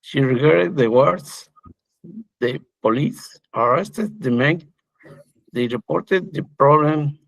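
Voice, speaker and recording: Slow, gravelly man reading haltingly. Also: on the high side, animated, fairly bright tone, dry recording, low-quality recording. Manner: hesitant, slow, self-correcting. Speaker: student. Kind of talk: reading practice sentences aloud.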